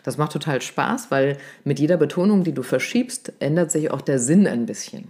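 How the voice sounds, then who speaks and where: A voice coach explaining speaking technique in a casual conversation, lively and explanatory, often checking in with "ne?". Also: mid-range voice, moderate pace. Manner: explanatory, lively, demonstrates stresses with exaggerated emphasis; uses fillers like "ne?" and "ja?".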